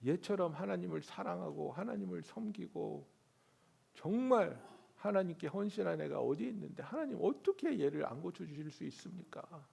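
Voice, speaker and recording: A man preaching a sermon as pastor, swinging from hushed asides to loud pleading. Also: high-pitched, expressive, moderate pace, gravelly, husky.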